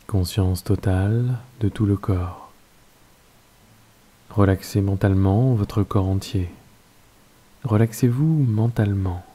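Calm deep-voiced man guiding meditation. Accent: French. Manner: slow, calm, soft-spoken instructions. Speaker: meditation guide. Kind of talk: guided yoga nidra meditation.

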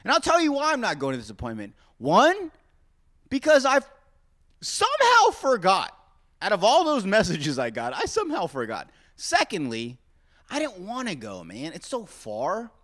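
A man's voice: high voice, wildly swooping pitch, brisk, fairly bright tone. A man from Arizona hosting a solo podcast, rambling through self-mocking rants aimed straight at his listeners. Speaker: podcast host. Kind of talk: casual solo podcast rant.

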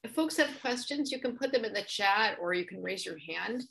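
A middle-aged woman moderating a webinar from a home office, reading out audience questions in a measured way. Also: medium pitch, expressive, vocal fry, a bit bright. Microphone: video call.

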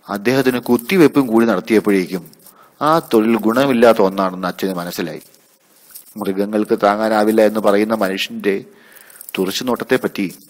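A man narrating a children's story in a measured, calm reading voice. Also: fairly low pitch.

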